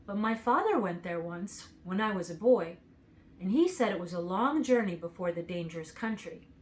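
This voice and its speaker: A woman reading as gentle tin woodman. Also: medium pitch, expressive, moderate pace, lightly acted, rough recording. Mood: reassuring. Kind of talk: children's storybook reading.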